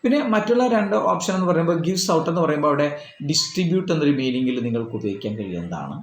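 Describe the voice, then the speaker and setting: Male English tutor, Malayalam accent, animated and repetitive delivery, echoey room. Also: a little high, fast. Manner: repeats and rephrases points, fillers, explains patiently. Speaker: English teacher for exam prep. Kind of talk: explanatory lesson.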